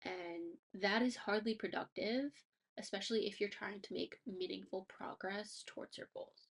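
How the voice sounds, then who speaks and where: A woman hosts a personal finance podcast, reading a scripted monologue in an upbeat, motivational way with casual fillers. Her voice is medium-pitched and creaky at normal speed, slightly nasal and a bit stuffy from allergies.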